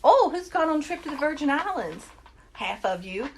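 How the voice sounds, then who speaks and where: A woman's voice: sits high, very animated, moderate pace, a little hiss or hum. A woman co-hosting a podcast, ranting in casual chat with lots of swearing and mocking impressions. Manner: profane, heated, mocking voices. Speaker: podcast co-host.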